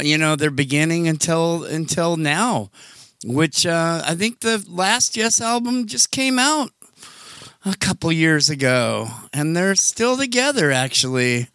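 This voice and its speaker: A man in his sixties introducing a radio show and telling rock-fan stories with excitable, drawn-out exclamations. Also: a little high, clear, resonant tone, no echo. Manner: excitable, drawn-out "oh yeah" catchphrases. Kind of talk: enthusiastic radio intro and storytelling.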